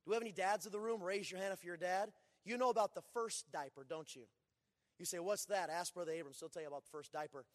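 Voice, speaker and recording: A man in his forties preaching a sermon in a church, telling folksy stories and swinging from loud to hushed. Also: high-pitched, quick pace. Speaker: pastor. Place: church sanctuary. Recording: long church reverb.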